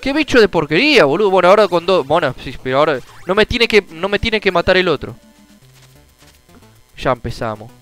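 A young man with a Rioplatense Spanish accent talks over his gameplay in a clear, resonant voice that sits high and leaps all over the place. He grumbles, swears and suddenly shouts in frustration. Faint game music plays behind him. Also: big pitch swings, brisk, low-quality recording. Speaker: gameplay streamer. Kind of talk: casual gameplay commentary.

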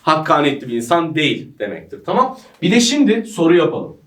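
A man's voice: a little high, wildly swooping pitch, brisk. A man teaching English to a group of friends, joking and teasing as he explains. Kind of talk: playful group lesson banter. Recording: echoey room, mic at a distance.

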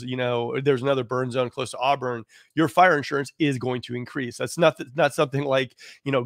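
A hoarse man, a real estate agent, talking casually on a live stream in a rambling way full of fillers. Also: mid-range voice, a bit bright, dry recording, clean studio sound. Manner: rambling, full of "you know" and "like".

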